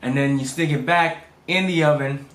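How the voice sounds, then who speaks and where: A man who is a chef, casually explaining cooking steps in a halting, step-by-step way. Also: a little high, a bit bright. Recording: echoey room.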